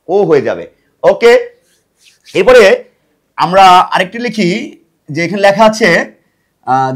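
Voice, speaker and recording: A middle-aged man leads an exam-prep grammar lesson, posing questions to the class, answering them himself, and repeating words as drills. His high voice carries a lively, emphatic delivery.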